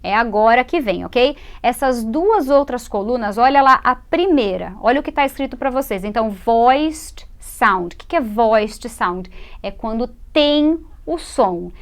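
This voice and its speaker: A woman teaching an English lesson on TV, explaining pronunciation patiently and modelling the sounds slowly. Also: a little high, expressive. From Brazil.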